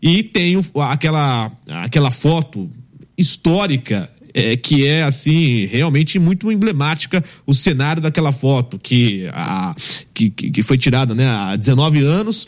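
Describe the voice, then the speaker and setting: A man hosting a football panel, measured and pausing on fillers. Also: a little high, animated, a little mellow. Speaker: host. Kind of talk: sports panel commentary.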